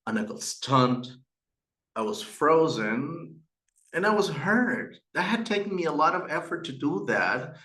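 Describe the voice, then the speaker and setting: With a Peruvian Spanish accent, a middle-aged webinar host and institute director from Peru recounts personal stories earnestly, with fillers and restarts. His voice is fairly high, very animated and a little slow, sounding pushed and bright.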